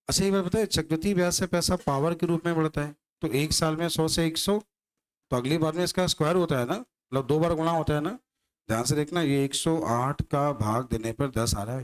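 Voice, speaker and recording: A male maths teacher lecturing a class, teasing his students and firing rhetorical questions at them. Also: fairly high pitch.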